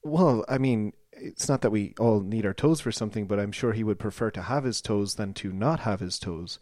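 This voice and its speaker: A man's voice: lowish voice, moderate pace, darkish tone, no room sound, clean studio sound, natural voice. A man playing a polite, earnest local interview show host, speaking a little hesitantly in a mock radio interview. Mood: hesitant, concerned.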